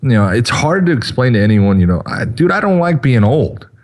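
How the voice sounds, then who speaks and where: A man's voice: mid-range voice, big pitch swings, fairly quick, darkish tone. A man in his fifties co-hosting a podcast in casual chat, talking in a rambling way with lots of fillers. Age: 50s. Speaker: podcast co-host.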